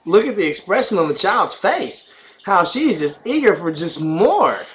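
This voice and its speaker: Speaking at a measured pace with a high-pitched voice, a father in his thirties plays with his baby for a home vlog. The webcam sits at arm's length in a small indoor room, catching his lively, singsong baby talk.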